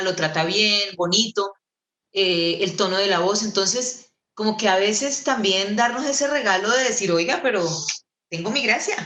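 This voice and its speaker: A Colombian woman storyteller giving an animated, theatrical lecture over a video call. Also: medium pitch. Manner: theatrical, playful, shifting into put-on voices. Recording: echoey room.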